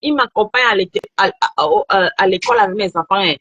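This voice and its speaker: Husky woman telling a story animatedly. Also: mid-range voice, fast, no echo, dull audio. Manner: animated storytelling, repeats phrases. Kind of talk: casual chat.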